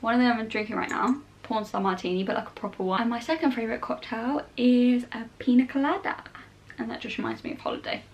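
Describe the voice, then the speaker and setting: A woman's voice: fairly high pitch, fairly even intonation, fast, muffled recording. A young woman with a southern English accent chats informally in a casual Q&A vlog, often saying "like" and "obviously". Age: young adult. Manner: chatty, informal, frequent "like" and "obviously". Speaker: vlogger answering viewer questions. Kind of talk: casual Q&A chat to camera.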